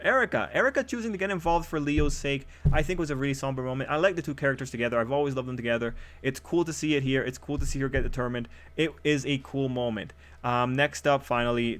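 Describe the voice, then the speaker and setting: Hoarse man reviewing an episode. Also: mid-range voice, a bit bright. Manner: upbeat, rambling with fillers and restarts. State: hoarse, losing his voice. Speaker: anime reviewer.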